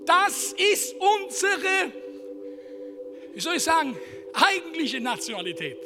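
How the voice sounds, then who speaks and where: A man preaching a sermon as pastor of his church, emphatic, swinging from shouted lines down to hushed whispers. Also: very high-pitched, very animated, slow pace. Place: church service. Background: music.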